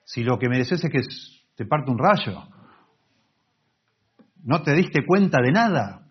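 Male pastor, husky, earnest sermon delivery, muffled recording. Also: medium pitch, very animated, slow. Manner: earnest preaching, repeating key words.

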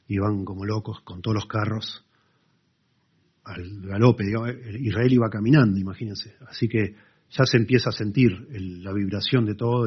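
A man with an Argentine accent preaching a sermon as a pastor, telling stories in a conversational way with lively asides to the congregation. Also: medium pitch, slightly rough. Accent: Argentine Spanish. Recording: dull lo-fi sermon recording.

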